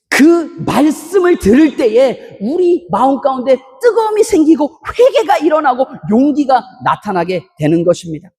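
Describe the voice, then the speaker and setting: A Korean pastor preaching an emphatic sermon in a church, breaking into loud shouted bursts between storytelling asides. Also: high-pitched. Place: church sanctuary. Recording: long reverb of a church hall.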